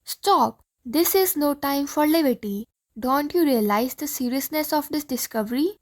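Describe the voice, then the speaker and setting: A woman's voice: high-pitched, moderate pace, a little mellow, lightly acted. A woman reading the part of a pompous, bossy male Martian leader in an audiobook play, with a commanding, easily alarmed manner.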